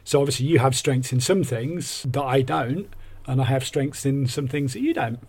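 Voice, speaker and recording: A man's voice: mid-range voice, moderate pace, a little mellow, husky. A man co-hosting a podcast conversationally, explaining ideas with examples like an upbeat life coach. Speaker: podcast co-host and workshop coach.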